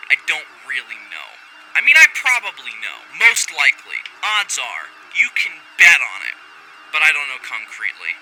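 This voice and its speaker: A man with a medium-pitched, pushed, bright voice plays a brash, foul-mouthed, rebellious rogue scientist in a sci-fi audio drama, giddy as he rambles through a wry, theatrical recorded log that keeps cutting itself off. The audio is poor, with a faint alarm and machinery noise in the background.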